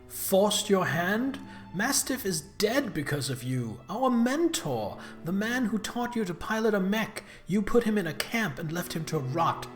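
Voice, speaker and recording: A man's voice: high-pitched, big pitch swings, unhurried, pitched above the performer's own voice. A young noblewoman leader from a video game, read by a man, stern and resolute. The delivery is earnest and wounded, with music underneath. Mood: accusing. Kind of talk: reading video game dialogue aloud.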